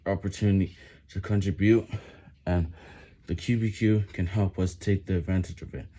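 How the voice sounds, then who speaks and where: A man's voice: low-pitched, mellow. A man reading a book aloud while doing push-ups, stumbling over and repeating words under the physical effort. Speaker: vlogger reading on camera.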